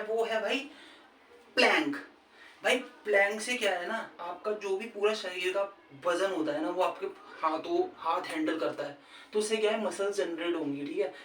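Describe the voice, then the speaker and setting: A man's voice: high-pitched, a bit bright. A man giving casual cricket fitness tips, chatty and informal, often calling the listener "brother" and checking "okay". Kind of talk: casual instructional vlog. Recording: echoey, distant, faint background noise. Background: faint ambient sound, a TV match playing.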